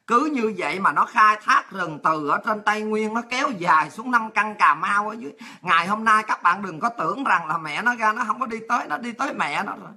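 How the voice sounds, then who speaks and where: A woman's voice: medium pitch, lively intonation, a little fast, few pauses, sharp tone, breathy edge. A woman with a Southern Vietnamese accent giving a heated, crude and mocking political rant. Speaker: political commentator. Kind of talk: ranting political commentary.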